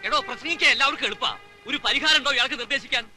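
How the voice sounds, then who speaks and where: An actor playing the proud, defensive head of an old family who answers curtly and bitterly, in a film with faint music. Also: male voice, extremely high pitch, racing. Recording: film soundtrack with faint score.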